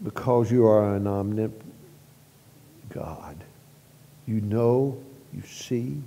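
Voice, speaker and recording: A man leading a church prayer at a pulpit microphone, halting with repeated words and swelling louder as he prays. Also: fairly low pitch, fairly even intonation, gravelly. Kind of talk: spoken church prayer and announcements. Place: church sanctuary. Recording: long reverb of a church sanctuary.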